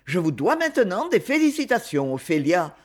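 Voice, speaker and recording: A man reading aloud and voicing a proud young duke who speaks with calm, dry irony, in a lively, varied voice. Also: sits high, moderate pace. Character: proud ironic young duke, aloof and grave.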